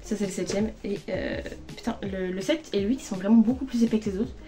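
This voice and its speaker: A woman vlogger rambles casually about her new books, filling gaps with hesitations. Her voice is mellow and warm, with faint music under the phone recording. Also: mid-range voice, quick pace. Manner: chatty, rambling, many fillers. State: overheated. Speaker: book vlogger. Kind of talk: casual book haul chat.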